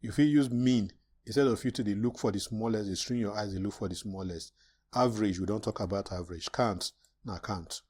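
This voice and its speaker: A man's voice: on the low side, fairly quick, a little mellow, husky. A man with a Nigerian accent teaching an informal step-by-step computer lesson, repeating phrases as he explains. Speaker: tutor teaching a spreadsheet class. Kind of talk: informal step-by-step tutorial in Pidgin.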